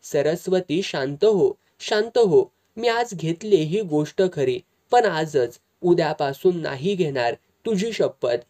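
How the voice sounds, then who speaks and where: A man's voice: a little high, expressive, takes it slowly, few pauses, warm tone. A reader voicing a stern grown son who gives orders to his family, with a touch of dialect in his speech. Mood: commanding. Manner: stern, commanding. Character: angry grown son, stern head of house.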